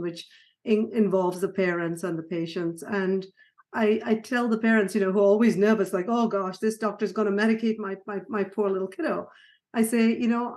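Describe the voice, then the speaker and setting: Middle-aged woman from sri lanka chatting in an interview, laughs a lot, keeps restarting, medium pitch. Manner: warm, laughing, many restarts. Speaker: child psychiatrist guest. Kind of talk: conversational interview.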